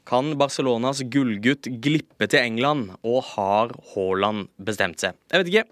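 A man's voice: mid-range voice, expressive, fairly bright tone, dry recording, studio quality. A man hosting a football podcast, introducing and interviewing in a casual, playfully mock-solemn way. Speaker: podcast host.

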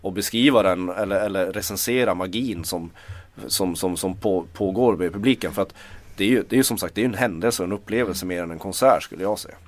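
Hesitant, low-voiced man chatting casually. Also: no room sound. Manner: hesitant, self-interrupting, repeats words. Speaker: music journalist and critic. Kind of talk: casual chat about music.

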